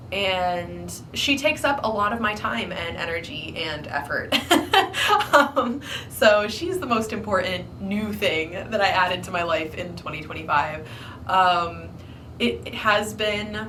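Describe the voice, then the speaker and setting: A young woman with a slightly low voice, a bit congested and stuffy, talking loosely to camera with frequent ums and likes. She sits a little back from the mic, with faint room noise behind her. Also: far from the mic. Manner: rambling, many ums and likes. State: congested from flu. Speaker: hobby collector vlogger. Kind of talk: casual chat to camera.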